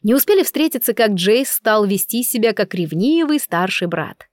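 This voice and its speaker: Woman audiobook narrator, mid-pitched, steady storytelling. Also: normal speed, no room sound, clean studio sound. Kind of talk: first-person novel narration.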